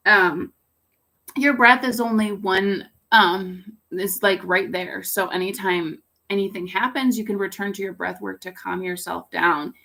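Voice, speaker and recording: A woman yoga instructor guiding a home yoga class in a relaxed way, with a raspy voice and pollen congestion. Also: mid-range voice, measured pace. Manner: relaxed, cueing poses with fillers. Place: home under construction. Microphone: laptop camera.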